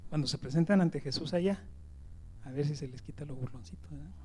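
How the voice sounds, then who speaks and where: A man preaching a sermon as pastor. He jumps from loud emphasis to hushed whispers, repeats words and keeps asking "¿verdad?". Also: fairly high pitch, a little fast, slightly rough.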